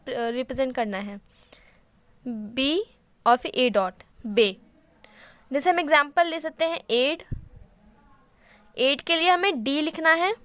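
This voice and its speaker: Woman tutor, high voice, dry close recording, step-by-step explaining. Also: fairly bright tone, no room sound. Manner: explains step by step, mixes English terms into Hindi. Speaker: shorthand teacher. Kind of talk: casual Hindi-English tutorial.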